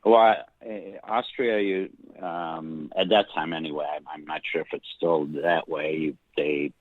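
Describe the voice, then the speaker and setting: A middle-aged man from Hungary with a Hungarian accent, telling his story as a guest in a relaxed interview, halting with many restarts. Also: a bass voice, no room sound. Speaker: guest screenwriter. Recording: dry tinny phone-like line.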